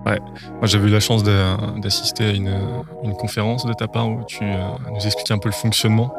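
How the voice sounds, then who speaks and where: A man's voice: fairly low pitch, level tone, fairly quick, vocal fry. A man, hosting a casual podcast. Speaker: podcast host. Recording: prominent music behind the voice.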